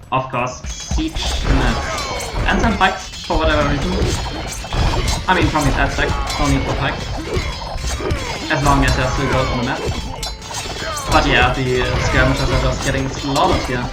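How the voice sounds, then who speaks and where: Male esports caster, German accent, conversational and a touch hesitant, medium pitch, echoey room with music underneath. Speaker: streamer and game caster. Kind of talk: live esports commentary. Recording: roomy echo, music behind.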